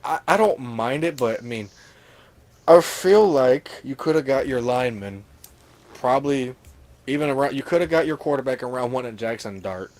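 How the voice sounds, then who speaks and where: A man's voice: mid-range voice, lively intonation, moderate pace, darkish tone. A man co-hosting a casual sports talk stream, talking through picks with hedges and fillers. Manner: analytical, hedging, many fillers. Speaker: co-host.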